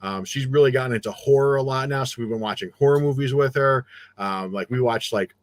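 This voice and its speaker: A man's voice: mid-range voice, fairly quick, no echo. A middle-aged man with a New Jersey accent, chatting casually as a guest and rambling with many fillers and restarts. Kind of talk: casual chat.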